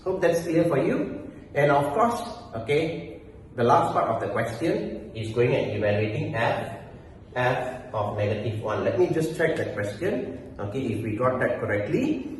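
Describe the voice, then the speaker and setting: A man's voice: medium pitch, big pitch swings, a little slow, slight background noise. A man teaching math step by step, asking himself "why?" and filling with "okay" as he works through the problem. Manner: explains step by step, asks and answers his own "why?", fillers of "okay". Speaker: math lecturer. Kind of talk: whiteboard math tutorial. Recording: very echoey hall, mic far off, faint ambience.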